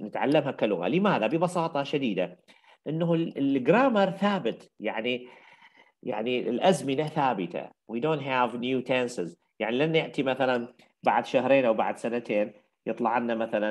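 Iraqi-accented older male teacher. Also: medium pitch. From Iraq. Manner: explains step by step, repeating key phrases. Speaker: English teacher. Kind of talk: university lecture.

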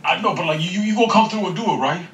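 A man's voice: sits high, racing, a bit bright. A man making a casual, slangy prank phone call, stammering and repeating himself as he talks. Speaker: prank caller. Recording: roomy, distant playback with noise.

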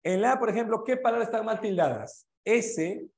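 A man's voice: high voice, lively intonation, moderate pace, creaky, a little mellow. A man with a Peruvian Spanish accent teaching an online exam review class. He goes through the answers item by item and quizzes his students as he goes. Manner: checks answers item by item, asks students questions. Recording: echoey room.

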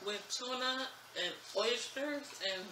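A woman's voice: sits high, slow. A woman hosting an eating show, chatting casually between bites while dabbing her mouth with a napkin. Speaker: mukbang host. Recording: roomy, distant mic, background noise.

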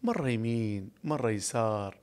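On a podcast, an Emirati man in his forties from Ras Al Khaimah tells stories in a casual interview, his Emirati Arabic accent clear. His voice is mid-range at a moderate pace, and he's animated and reflective, laughing often and gesturing a lot. A studio boom mic captures him up close.

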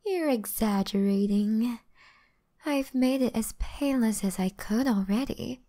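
ASMR role-play: actress as seductive female vampire, gentle predator, teasing, mellow tone, unhurried delivery. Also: fairly high pitch, close to an everyday voice. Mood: amused, coaxing. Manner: teasing, softly boastful, unhurried.

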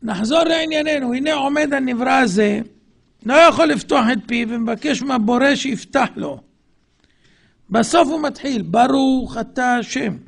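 A man giving a religious lecture as a rabbi, fiery and mocking, firing rhetorical questions and swinging between loud outbursts and low murmurs. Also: gravelly, husky.

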